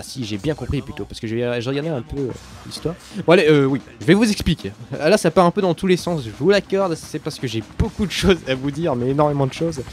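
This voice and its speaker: A young man casually commenting on a shooter game as he plays, rambling, losing his thread and filling pauses with many hesitations. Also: mid-range voice. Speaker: let's play commentator. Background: game sounds and music.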